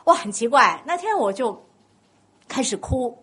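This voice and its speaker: Woman, Cantonese accent, preaching, husky, animated delivery, asks the congregation questions. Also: fairly high pitch, a little slow. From Guangdong, China. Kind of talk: sermon.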